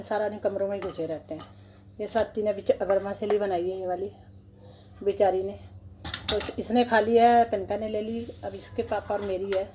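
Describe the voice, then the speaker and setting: Walking viewers through her chores step by step, a chatty middle-aged woman from India talks in a Delhi Hindi accent for her vlog. Her voice sits in the mid-range, with some background noise on the phone recording made in her kitchen and balcony.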